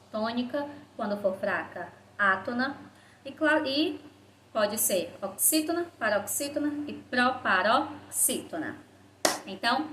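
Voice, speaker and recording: A woman's voice: mid-range voice, a bit bright. A woman primary school teacher giving a remote class lesson, patiently walking children through each step and voicing their questions herself. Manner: voices pupils' questions herself. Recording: echoey room with faint background hiss.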